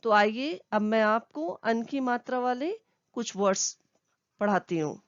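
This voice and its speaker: A woman's voice: a little high, a little slow, dry recording, muffled recording. A woman teacher giving a lesson to children, explaining patiently step by step.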